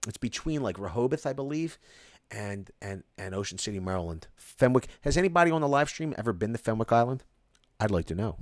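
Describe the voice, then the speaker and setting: A man with a lowish voice, speaking fairly quickly, rambles through his live stream's chat comments, excitable and casual, restarting frequently and saying "like." He's on a close mic at home, with no room sound.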